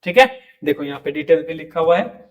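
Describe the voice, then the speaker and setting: A man teaching French pronunciation in an online lesson, repeating each word slowly and checking in often. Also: on the high side, expressive, echoey room. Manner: repeats words slowly, frequent "ठीक है".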